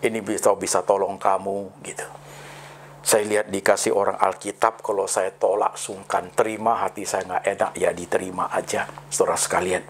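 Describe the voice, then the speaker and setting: A middle-aged man, a pastor, telling his life story in a sermon and addressing the listeners as brothers and sisters after nearly every phrase, slow and dramatic with sudden high lifts. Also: flat delivery, slight background noise. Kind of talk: testimony sermon.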